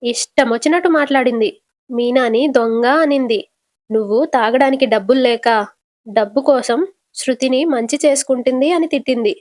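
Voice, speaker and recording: Gossipy indignant friend, read by a woman, high and dry. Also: normal speed, darkish tone, no room sound, lightly acted.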